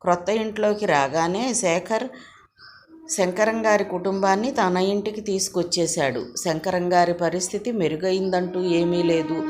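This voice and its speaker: A woman narrating a novel aloud in a measured, expressive reading. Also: fairly low pitch. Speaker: audiobook narrator.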